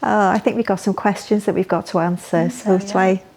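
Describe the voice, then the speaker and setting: A woman in her fifties, a patient, talking calmly and matter-of-factly about her treatment. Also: mid-range voice, fairly quick, crowd noise. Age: 50s. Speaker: patient sharing her experience. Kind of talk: casual chat.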